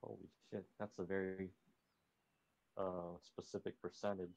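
Male gamer on voice chat, filtered into a very low, disguised voice, monotone, casual and rambling. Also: unhurried, gravelly, a little hiss or hum. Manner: rambling, filler-heavy talk. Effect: voice-chat filter making his voice sound very deep and disguised.

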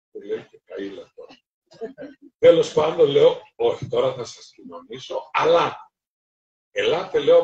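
A middle-aged Greek man, a priest, telling stories to an audience and acting out the dialogue in them. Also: mid-range voice. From Greece. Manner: lively anecdotal storytelling, acting out dialogue. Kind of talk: storytelling sermon talk. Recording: roomy, distant, dull lo-fi recording.

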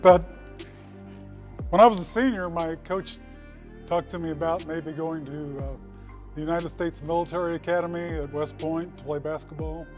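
A man's voice: a little high, fairly even intonation, normal speed, a little mellow, soft background music. Older man giving a folksy podium speech. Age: 60s. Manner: folksy storytelling with dry humor. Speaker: hall of fame inductee. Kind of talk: acceptance speech. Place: school hall with brick walls. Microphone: podium microphone.

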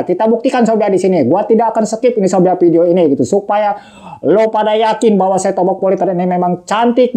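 A man walks viewers through a remote-control setup in a casual how-to, chatty and repetitive, saying himself that he talks too fast. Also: high voice, warm tone. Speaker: tech tutorial host.

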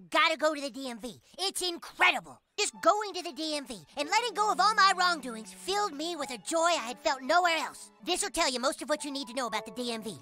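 A man's voice: extremely high pitch, sharp tone, no echo, heavily acted. A man voicing a naive, timid cartoon boy who talks earnestly and stammers. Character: naive sweet timid boy, eager to please. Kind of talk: cartoon voice acting.

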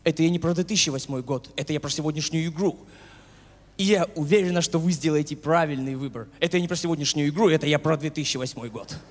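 A young man playing a gracious British queen, making a formal, measured comedy speech into a handheld mic. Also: fairly high pitch, natural voice. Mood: regal, sly. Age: young adult. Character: gracious female British queen in comic drag. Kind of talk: live sketch comedy speech. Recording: echoing hall, noisy crowd.

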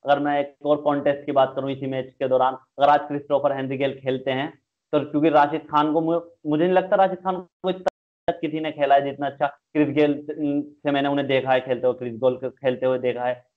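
Over a video call from a small indoor room, a young adult man offers conversational cricket match analysis. He talks fast in a medium pitch that barely moves, and the audio is thin and phone-like.

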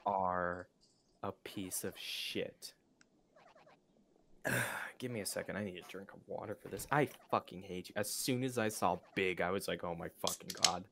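A woman's voice: a bass voice, a little slow, gravelly, slight background noise. A woman co-hosting a gaming session in casual, blunt, sweary chat. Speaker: gaming co-host. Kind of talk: casual chat over gameplay. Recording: loud game music behind the voice.

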